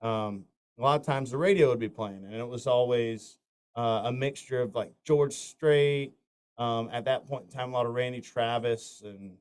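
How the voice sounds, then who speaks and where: This country singer from north Florida chats casually in an interview, spinning long stories packed with fillers and restarts. He speaks at a normal pace in a clear, resonant mid-range voice with a darkish tone.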